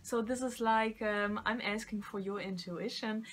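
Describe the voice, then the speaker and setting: Against a little hiss or hum, a middle-aged non-native English speaker who works as a tarot reader and vocal coach chats casually to camera. Her mid-range voice is fairly even and measured, with plenty of fillers and restarts.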